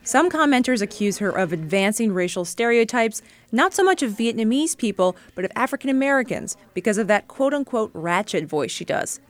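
A woman reporter giving measured, scripted narration for a radio feature story. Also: fairly high pitch, big pitch swings.

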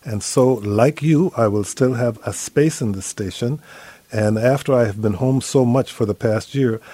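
An older man from Guyana, hosting a radio talk show with a measured, deliberate delivery. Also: mid-range voice, mellow, no room sound.

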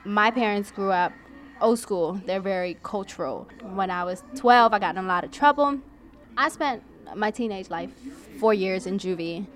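A woman's voice: medium pitch, moderate pace. A woman in her twenties, a nail technician, talking frankly and confidently in a casual interview in a nail salon. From United States. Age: 20s.

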